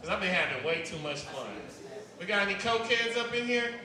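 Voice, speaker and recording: High-voiced man doing stand-up in an echoey club. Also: animated, brisk, crowd noise. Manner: loose, rambling delivery with sudden loud outbursts. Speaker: stand-up comedian. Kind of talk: stand-up comedy set. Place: comedy club stage. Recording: roomy, distant live club recording with noise.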